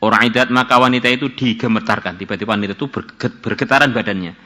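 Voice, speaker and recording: Older man, bright voice, reads Arabic then explains it, sermon. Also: fairly low pitch, fairly even intonation, quick pace. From Indonesia. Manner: reads Arabic phrases then paraphrases them, acts out dialogue in a raised voice. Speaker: kyai teaching a religious class.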